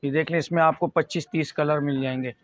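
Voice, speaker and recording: A man in his thirties with a Pakistani accent, giving an informal, repetitive sales pitch as a fabric shop salesman. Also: steady tone, fast, no room sound. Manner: repetitive, price-quoting salesman's patter. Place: small fabric shop indoors. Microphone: lapel mic. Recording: dull, muffled lo-fi audio.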